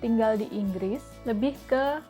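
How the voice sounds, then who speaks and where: Brief: young Indonesian woman, vlogger, fairly high voice, soft music underneath, chatty and relaxed. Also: unhurried. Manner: chatty, frequent fillers like nah and gitu. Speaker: vlogger living abroad. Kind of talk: casual direct-to-camera vlog.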